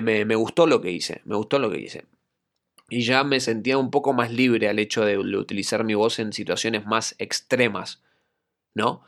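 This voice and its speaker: A man's voice: lowish voice, creaky, fairly bright tone. A man with an Argentine Spanish accent hosting a solo podcast, telling a reflective personal anecdote in a conversational way. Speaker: podcast host and acting coach.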